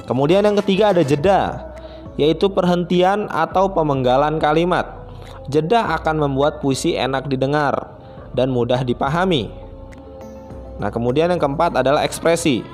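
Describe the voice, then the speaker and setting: A man's voice: mid-range voice, a little mellow. A man who is a primary school teacher, giving a friendly, chatty online lesson to children and often starting phrases with a filler.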